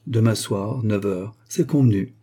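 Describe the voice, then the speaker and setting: A man's voice: fairly low pitch, a little slow, mellow, husky. A man reading an audiobook and voicing a polite, scheming middle-aged male manservant who speaks in a formal, composed way. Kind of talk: audiobook character voice.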